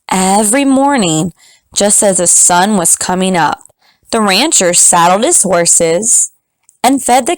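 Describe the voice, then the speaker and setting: Slow, lively-voiced woman reading a story. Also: dry recording, rough recording. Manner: slow, highly expressive storytelling. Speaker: teacher reading aloud. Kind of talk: storybook read-aloud for children.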